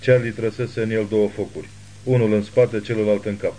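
A man narrating an audiobook novel with steady, measured reading. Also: lowish voice, poor audio. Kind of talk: scripted narration.

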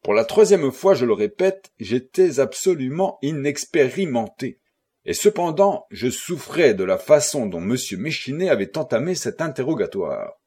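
Husky man narrating an audiobook. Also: medium pitch. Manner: measured, expressive reading. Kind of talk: scripted narration.

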